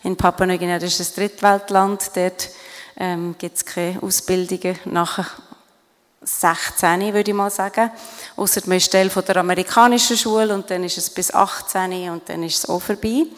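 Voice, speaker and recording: A middle-aged Swiss woman with a Swiss German accent speaks earnestly and reflectively as a guest in an on-stage interview at an event, using many fillers and restarts. Her lowish voice has fairly even intonation at normal speed, in a large hall.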